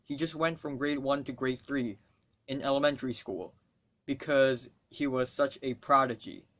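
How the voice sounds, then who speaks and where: A Cantonese-speaking teenager from Hong Kong records a student vlog, speaking to camera at normal speed in a medium-pitched, fairly bright voice. His talk is casual and meandering, full of free swearing and wry asides.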